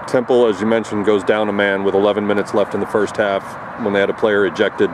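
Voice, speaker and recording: A man interviews a coach after a game, asking measured, detailed questions. His voice is somewhat low. Clear traffic noise carries around him outdoors at night. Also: little pitch movement. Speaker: reporter.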